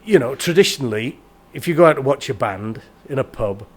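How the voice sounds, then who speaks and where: Middle-aged man telling stories, mid-pitched. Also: expressive, brisk, husky. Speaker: bar and club owner, guest. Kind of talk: casual anecdotal chat.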